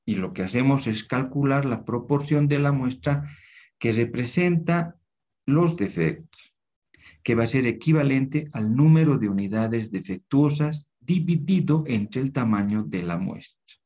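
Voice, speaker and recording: A man's voice: medium pitch, lively intonation, a little slow, mellow. A man teaching a recorded lecture, explaining step by step and often checking with tag questions. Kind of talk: recorded lecture over screen. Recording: dull lo-fi recording.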